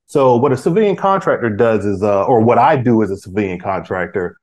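Fairly quick and animated, this forties-aged podcast guest has a lowish voice with a darkish tone. He chats loosely, restarting often, filling pauses and dropping street slang as he rambles.

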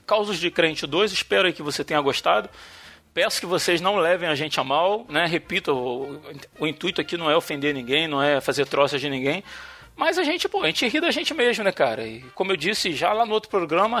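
A Brazilian man hosting a podcast, telling a story in a casual, animated way and acting out the people in it. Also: on the high side, a little fast, soft background music. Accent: Brazilian Portuguese. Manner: animated, acts out characters in anecdotes. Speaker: podcast host.

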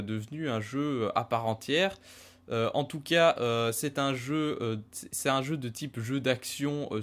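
A man hosting a casual retro gaming podcast discussion, talking with many hesitant fillers. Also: mid-range voice. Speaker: podcast host.

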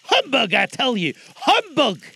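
A man voicing Scrooge, a frightened old miser who blusters loudly in a high voice. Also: huge pitch swings, measured pace, gravelly, breathy edge, full character voice. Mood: blustering. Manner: high, agitated, loud.

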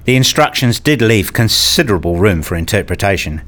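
A man narrates a radio play in the first person as a self-mocking, nerdy dad, telling his tale in dryly humorous, formal language. His voice sits on the low side and is a bit bright, with lively intonation and a slightly quick pace.

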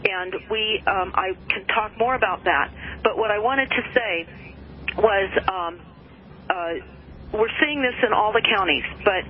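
A woman from the United States speaking as a radio show guest, earnest and alarmed about conspiracies, with halting ums. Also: medium pitch. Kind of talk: talk radio commentary. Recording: dull phone-in audio with noise.

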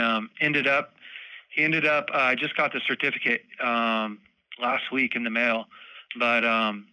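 Bright-voiced man telling a lively story. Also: mid-range voice, dry recording, rough recording. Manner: animated, laughs often, acts out moments. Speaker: podcast guest, bowhunter. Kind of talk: casual storytelling.

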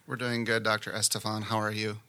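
A man playing a deadpan monotone eye specialist. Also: fairly low pitch, brisk, clean tone. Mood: indifferent. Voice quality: flat monotone delivery. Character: flat, indifferent male eye specialist.

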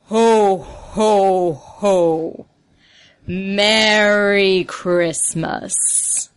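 A woman doing a monstrous Santa with a booming, echoing voice. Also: steady tone, extremely slow, clean tone. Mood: menacing. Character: monstrous giant male Santa, menacing. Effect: booming voice ringing out across empty city streets. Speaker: game master.

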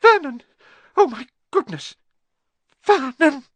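A man's voice: mid-range voice, very animated, normal speed, dry recording. A man acting out an anxious middle-aged aunt with a quivering, fretful voice in an audiobook story. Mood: frightened.

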